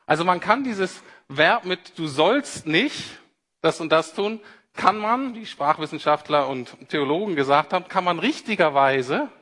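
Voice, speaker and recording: A man's voice: on the high side, a bit bright. A man preaching a sermon, earnest and explanatory, addressing listeners directly as "you". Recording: long hall reverb.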